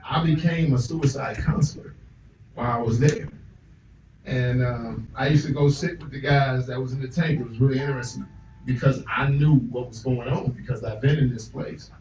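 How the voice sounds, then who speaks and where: An earnest, reflective man tells his story candidly in an interview, often sinking into a quiet tone. He sits far from the mic in a roomy space. The recording is dull and lo-fi with a faint hiss. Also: medium pitch, steady tone, normal speed. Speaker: author and minister, interview guest.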